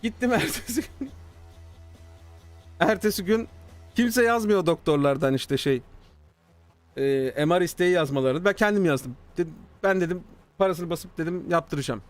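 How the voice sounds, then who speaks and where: A man streaming live, telling a story casually to his chat, animated and swearing freely. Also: high voice, normal speed, long pauses, soft background music. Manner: animated, swears freely, acts out quoted dialogue.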